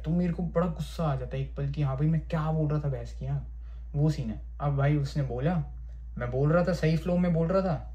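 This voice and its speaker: A man's voice: on the high side, lo-fi sound. A young man from India telling a personal story in a casual, chatty way, often calling out "bro" and swearing. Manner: chatty, keeps saying "bhai", swears. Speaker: vlogger.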